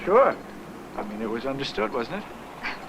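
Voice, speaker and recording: A man's voice: medium pitch, sing-song, normal speed, noisy background, close to an everyday voice. An actor playing a reserved, somewhat awkward American man who speaks dryly. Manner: dry, understated, slightly awkward. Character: American engineer, reserved and polite. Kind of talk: film acting. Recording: echoey film soundtrack with music.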